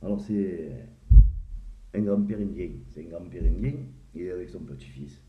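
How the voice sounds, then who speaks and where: Here the joke teller's voice is low-pitched and moves at a normal speed as he casually delivers crude jokes, voicing the characters and laughing at his punchlines. The sound is tinny and echoey, as if over a phone.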